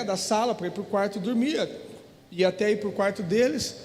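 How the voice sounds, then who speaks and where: High-voiced Brazilian preacher in a church hall. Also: male voice, a little mellow. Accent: Brazilian Portuguese. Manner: storytelling preacher, emphatic repetitions. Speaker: pastor. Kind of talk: sermon. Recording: hall reverb with faint music.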